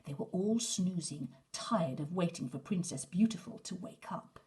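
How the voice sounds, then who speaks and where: Narrating a bedtime story for children at a moderate pace, a female storyteller with a lowish voice performs with drama and expression, occasionally dropping to an almost breathy whisper.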